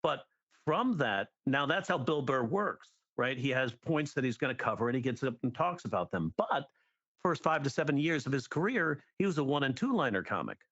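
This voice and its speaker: A middle-aged man, a guest comedy writer and teacher, in casual podcast chat, lively and acting out jokes as he explains them. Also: medium pitch, moderate pace, dry recording, highs cut off. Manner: animated, acts out jokes and quotes.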